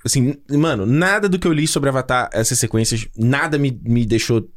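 A man co-hosting a casual movie chat podcast over a video call, animated and slangy, with many restarts. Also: mid-range voice, normal speed. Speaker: podcast co-host.

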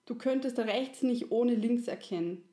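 A woman's voice: a little high, unhurried, mellow, voice pushed up, natural voice. A woman voicing a kindly, wise creator woman, soothing and folksy. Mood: gentle. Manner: soothing, folksy, fond of dialect fillers. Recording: roomy echo.

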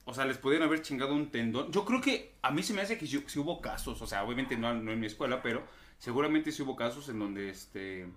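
A Mexican man chatting casually among friends, swearing freely and throwing in quick asides. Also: medium pitch, lively intonation, fairly bright tone. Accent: Mexican Spanish. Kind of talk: casual chat.

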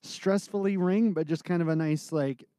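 Male podcast co-host and pastor, nasal tone, smooth and mellow, dry close sound. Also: normal speed, no room sound. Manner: animated, swings his pitch up and down. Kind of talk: casual podcast chat.

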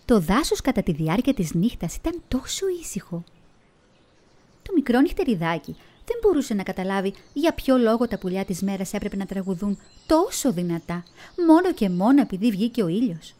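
A woman storyteller narrating a children's fairy tale in an expressive, melodic way. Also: medium pitch. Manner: expressive, melodic reading with vivid emphasis.

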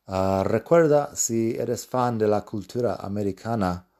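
A man hosting a learning podcast, speaking Spanish with as his language, calmly explaining and repeating example phrases. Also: fairly low pitch, a little slow, creaky. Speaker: podcast host and English teacher. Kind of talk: casual podcast lesson.

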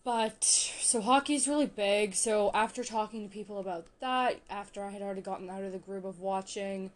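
A young woman chats casually in a reaction vlog, gushing and excitable and full of filler words. Her pitch sits in an ordinary middle range. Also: a little fast. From Canada. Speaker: vlogger reacting to a TV series.

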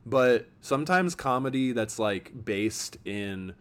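20-something guy host, mid-pitched voice, rambly and thoughtful. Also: lively intonation, takes it slowly, fairly bright tone. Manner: rambling, many "like" fillers, reflective. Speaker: podcast host. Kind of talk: casual podcast chat.

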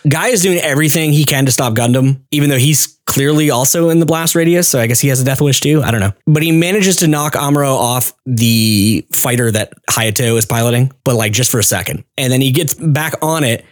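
A male podcast co-host recapping plot in relaxed, matter-of-fact casual chat. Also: medium pitch, brisk, hardly any pauses, no room sound, studio quality.

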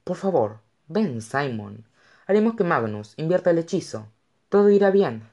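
A woman's voice: low-pitched, very animated, moderate pace, dark tone, pitched above the performer's own voice, heavily acted. A narrator voicing a fierce, frantic young woman who speaks urgently and pleads, in an audiobook. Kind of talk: audiobook character voice.

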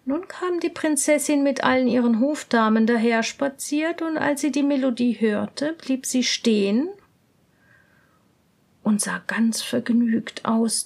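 A woman reads a fairy tale aloud, taking her time over every line. Her voice sits high and her manner is gentle and expressive. Now and then her words drop almost to a whisper. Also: slow pace, creaky, breathy edge. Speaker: storyteller.

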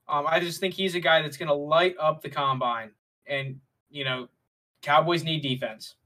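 A man co-hosting a casual sports talk show, relaxed and using many fillers. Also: on the high side, normal speed. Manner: relaxed, filler-heavy, leads the segments. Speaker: podcast co-host. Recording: voice distant from the mic.

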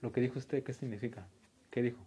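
Husky man repeating words back. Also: medium pitch, steady tone, fast talker, warm tone. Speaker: language learner asking for words. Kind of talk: casual word elicitation.

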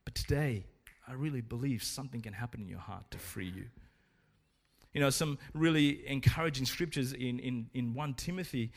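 A man's voice: medium pitch, moderate pace. A man preaching a sermon in an earnest, urging way, telling a story along the way.

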